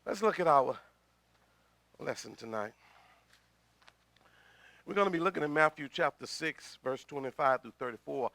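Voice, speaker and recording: A man's voice: a little high, moderate pace, vocal fry, long pauses, bright, forceful tone, no room sound. A middle-aged man preaching a sermon as pastor, talking in a conversational way, repeating words and swelling in volume, with a slight cough.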